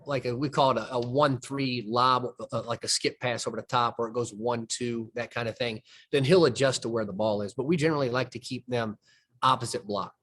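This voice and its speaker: A man's voice: mid-range voice, steady tone, fairly quick, a bit bright. Guy coaching hoops, walking thru film, folksy, mid voice. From southern United States. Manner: folksy, explains plays step by step, trails off and restarts. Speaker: basketball coach. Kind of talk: film breakdown conversation.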